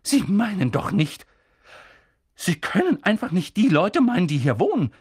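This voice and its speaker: A man voicing a stern, sharp-tongued elderly female witch professor in an audiobook reading, pushing his voice up high and insistent. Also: big pitch swings, normal speed, slightly rough, full character voice. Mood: agitated. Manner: insistent, agitated, high strained voice. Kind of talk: audiobook character voice.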